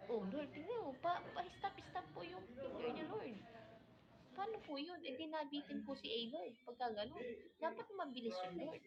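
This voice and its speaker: A Filipino woman hosting a casual livestream, mock-praying to the Lord about gifts from viewers in a polite, pleading way. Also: high voice. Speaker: livestream host. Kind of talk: casual livestream chat, pretending to pray. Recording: dull lo-fi audio with loud crowd behind.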